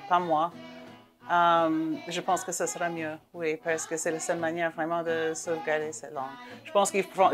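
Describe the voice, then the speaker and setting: A woman gives candid opinions in an interview. Faint guitar music runs underneath. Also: on the low side. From Louisiana, United States. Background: soft guitar music.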